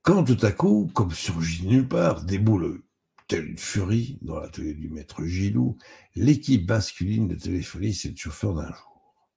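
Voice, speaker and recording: A man reading a story aloud with measured, expressive narration. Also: sits low, vocal fry. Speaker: reader.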